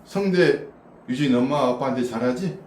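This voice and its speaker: A man's voice: medium pitch, normal speed. A male pastor giving a casual sermon to a small congregation, chatty, questioning his listeners and often laughing. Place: small church room. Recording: roomy echo from a distant mic with faint background noise.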